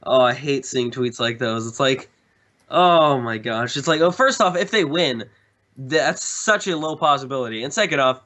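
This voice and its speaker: A man casting an esports match, giving play-by-play commentary in a chatty, animated way that slides into joking banter. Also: mid-range voice. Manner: animated, chatty, quick to joke. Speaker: esports caster.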